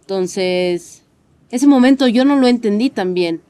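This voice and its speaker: A woman's voice: medium pitch, a little slow, dark tone, smooth, no room sound. A woman, talking reflectively and a little hesitantly about a childhood memory in a documentary interview. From Bolivia. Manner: reflective, hesitant, lightly laughing. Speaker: interviewee, daughter.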